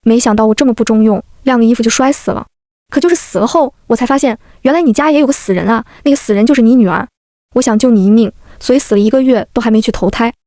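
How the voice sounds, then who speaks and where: A woman's voice: fairly high pitch, fast, warm tone, dry recording, natural voice. A woman voicing an old man's ghost who is kindly, worried and urgently protective. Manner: urgent, protective, scolding fondly.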